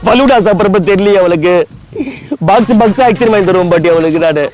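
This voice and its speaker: A man's voice: sits high, fast, a little mellow, soft background music. A man, pleading dramatically outdoors in a public prank about heartbreak. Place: outdoors by a lake.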